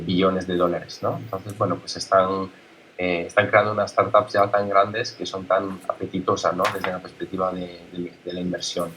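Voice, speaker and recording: An Italian man, a native Italian speaker, giving a conference talk as a guest speaker, halting, with many fillers and restarts. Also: low voice, sharp tone, a little hiss or hum, poor audio. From Italy.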